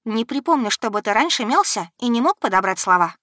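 Woman reading as a lively young heroine, eager and animated, a bit higher, dry close sound. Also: a little fast, no echo. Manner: brighter, eager, animated speech.

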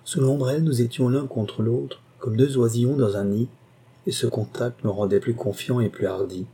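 A man narrates a literary story in a measured, expressive way. His voice is mellow and dark, with a husky edge. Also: mid-range voice. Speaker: audiobook narrator.

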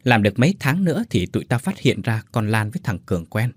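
A blunt female factory worker, as a man puts her on, bossy at first, then tearful, her voice slightly husky and rising and falling widely. She speaks up close in a dry, quiet space. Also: on the low side, big pitch swings, fast talker, dry recording. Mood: sorrowful. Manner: bossy, scolding, then choked up.

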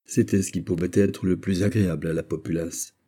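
A man narrating a classic novel as an audiobook in a steady, measured reading. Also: sits low.

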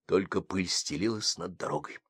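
A man reading a story aloud as scripted audiobook narration, with expressive delivery. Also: sits low, moderate pace, vocal fry, breathy edge, no room sound, studio quality. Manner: expressive reading, varied intonation. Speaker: audiobook reader.

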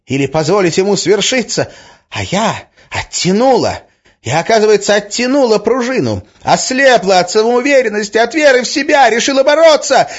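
A man voicing a shrill, desperate female witch who shrieks and pleads, in an audiobook reading. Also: a little mellow, slightly rough, lo-fi sound, full character voice. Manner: shrieking, high-strung.

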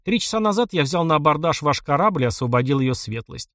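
A man voicing a calm, confident noble officer who speaks in a measured way. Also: on the high side, no room sound, studio quality.

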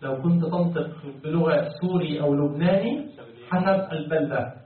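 A man's voice: on the high side, normal speed. Man, sheikh teaching a class, quizzes students, chants verses, heavy echo, far from the mic. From Egypt. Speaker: sheikh teaching Quran commentary. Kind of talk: classroom Quran commentary lesson. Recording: very echoey, distant, phone-like sound.

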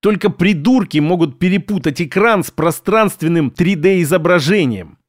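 A man's voice: high voice, expressive, normal speed. A man reading an audiobook, voicing a sullen, scornful male tech genius who snaps at others. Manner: snapping, scornful.

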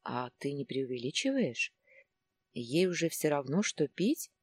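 A woman reading the part of a calm, doubting middle-aged woman friend in a storybook. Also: sits low, a little slow, slightly rough, dry recording, exaggerated voice.

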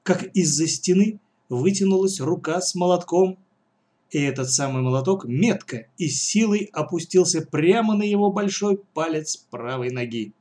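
A man's voice: a little high, animated, normal speed, mellow. A man narrating a children's story.

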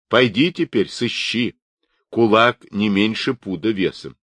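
A man reading the part of a quick-tempered Cossack ataman who barks orders and accusations. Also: fairly low pitch, no room sound, voice pushed up. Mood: angry, commanding. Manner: shouting orders.

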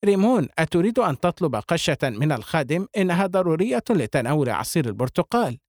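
A man reading the part of a composed, elegant woman in an audiobook, calm and gently reproving. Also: fairly high pitch, fast, dry recording, studio quality.

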